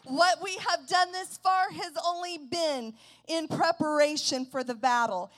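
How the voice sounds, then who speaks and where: A woman preaching in a church service with a high voice. She speaks slowly and deliberately, stressing each phrase. Her lines swell into loud, forceful declarations. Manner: declaiming a war-like declaration, slow and emphatic, rising to loud shouts. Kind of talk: sermon.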